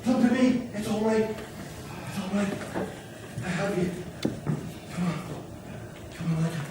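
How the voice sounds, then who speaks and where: A man's voice: high voice, moderate pace, close to an everyday voice. A man playing a soothing, urgent fireman. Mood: urgent, coaxing. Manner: soothing and urgent, repeats his coaxing. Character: reassuring male fireman rescuing survivors. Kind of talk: amateur audio drama. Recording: roomy, distant mic, ambient noise.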